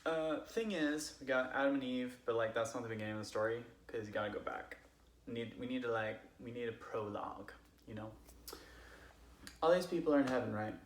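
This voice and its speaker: A man's voice: medium pitch, fairly quick, lightly acted. Man putting on a rambling tipsy Californian bro, echoey. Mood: loose, animated. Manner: slangy, rambling, filler-heavy. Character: casual tipsy young Californian friend rambling Bible stories. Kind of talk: comedic storytelling. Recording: roomy echo, faint background noise.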